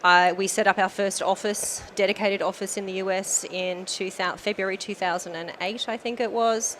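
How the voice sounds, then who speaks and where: A company manager from Australia, speaking with an Australian accent, is a talkative podcast guest who uses frequent fillers. Her voice is medium-pitched and a bit bright, with fairly even intonation and normal speed, over slight background noise.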